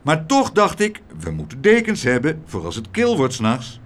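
A blustering older man booms out his lines, loud and hearty, lifted well above the reader's normal pitch. He sounds bustling and a little pleased with himself, a storybook character, put on by a man. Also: huge pitch swings, normal speed. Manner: blustering, booming.

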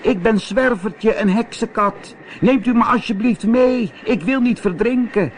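A man voicing a small, frightened male witch's cat in a storybook reading, high and pleading. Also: a little slow, slight background noise.

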